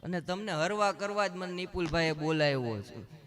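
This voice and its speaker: A man's voice: sits high, animated, a bit bright. A male stand-up comedian from Gujarat, telling jokes in a chatty storytelling manner at a live show. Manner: chatty storytelling, quick punchlines.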